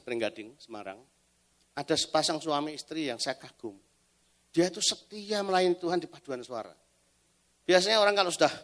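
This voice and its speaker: A man preaching a sermon at a church retreat. He swings between loud exhortation and hushed storytelling. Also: mid-range voice.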